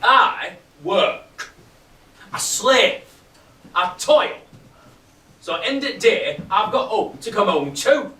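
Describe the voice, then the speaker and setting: Cast: actor as an embittered old patriarch, blunt and scornful, high bright voice, echoey stage farce, taken from far off. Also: male voice, a little hiss or hum. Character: embittered gruff old working-class family patriarch. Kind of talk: amateur stage farce acting. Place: theatre stage.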